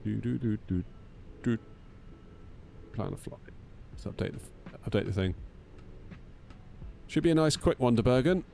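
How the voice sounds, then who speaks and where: A man's voice: mid-range voice, lively intonation, normal speed, creaky, pauses often, mellow, slight background noise. A man streaming a flight simulator, muttering casually to himself and making radio readbacks.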